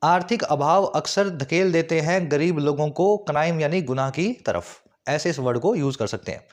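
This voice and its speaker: A man with a slightly raised voice teaches English vocabulary, explaining each word in Hindi. He keeps checking that students follow with quick rhetorical questions, and he slows right down to read each English example sentence. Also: a little high, darkish tone. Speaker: English tutor. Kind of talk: vocabulary lesson.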